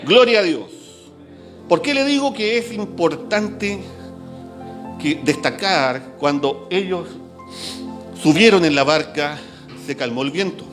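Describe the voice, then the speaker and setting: A male preacher delivers a sermon in a church, reading scripture aloud and joking with his listeners. His voice sits high and swings widely in pitch as he speaks. Soft music plays faintly behind him. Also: takes it slowly, pauses often. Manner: animated, reads scripture aloud and jokes with the congregation.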